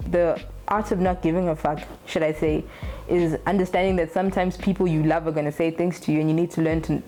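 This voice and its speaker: Young woman vlogger, low mellow voice, frank and swears a lot, faint music behind. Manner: candid, blunt, swears freely, laughs often. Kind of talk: casual talk to camera.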